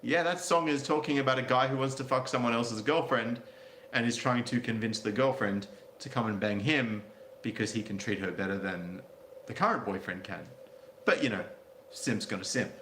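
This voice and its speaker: A man's voice: mid-range voice, moderate pace, a bit bright. Male commentary host, blunt and sardonic, casual read-and-react delivery, roomy echo, faint noise behind. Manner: blunt, sardonic, crude asides. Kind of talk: reading out a story with casual commentary.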